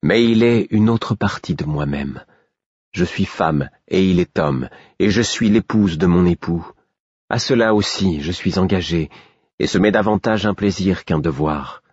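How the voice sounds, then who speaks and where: A man's voice: deep voice, unhurried, a little mellow, breathy edge, dry recording, lo-fi sound. A man voicing a proud, lonely young queen who speaks firmly and earnestly, in an audiobook. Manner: firm, earnest.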